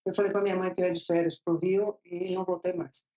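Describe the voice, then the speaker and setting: A woman from Bahia in her fifties, speaking Bahian Brazilian Portuguese, tells her story as an interview guest in a lowish, warm voice with a level tone. She chats easily, laughs often and lets her phrases drag out slowly.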